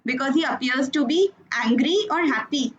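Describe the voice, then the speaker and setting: A high-pitched woman leads an online class for young children, coaxing them along and praising them often. Her voice comes through a dull, muffled video-call line. Steady background noise hums underneath. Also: moderate pace. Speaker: teacher.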